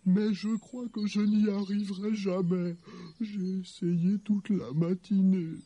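Clumsy, earnest lion king for a kids' story, voiced by a man; slow and warm-toned. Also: high-pitched, little pitch movement, husky, heavily acted. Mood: proud. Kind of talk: children's audio story.

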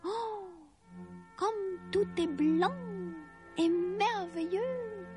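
A sweet little girl in a storybook, her voice high and soft with a wistful lilt, as a woman narrator puts her on. Gentle music plays underneath. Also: slow, heavily acted. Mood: delighted. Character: sad sweet little girl longing for snow. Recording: storybook reading over music.

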